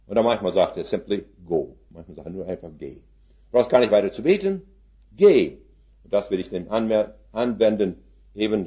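In his seventies, this man preaches a sermon packed with stories, asking his congregation folksy rhetorical questions and slipping English words into his German. His voice sits fairly low with a dark tone, and the high frequencies are cut off.

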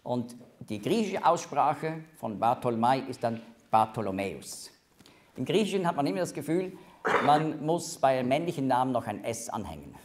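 A man's voice: mid-range voice, very animated, moderate pace, darkish tone, slight background noise. A man teaching a Bible study, explaining names and passages with emphatic rises.

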